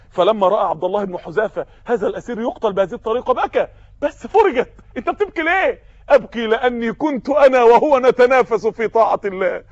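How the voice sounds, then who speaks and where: A man with an Egyptian accent preaching a fervent sermon, acting out the dialogue of a story with sudden shouts. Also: extremely high pitch, dry recording. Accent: Egyptian Arabic. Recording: dull lo-fi dry recording.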